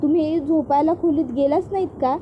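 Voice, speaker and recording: A stern older father scolds his grown sons, as a woman reading a serial recap puts him on. The voice stays high. The recording is dull with faint noise. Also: fairly quick, natural voice. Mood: scolding.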